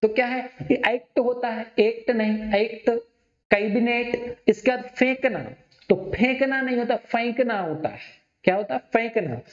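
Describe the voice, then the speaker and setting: A man teaching a Hindi spelling class, asking his students questions and repeating words slowly. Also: very high-pitched. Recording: dull, echoey classroom recording.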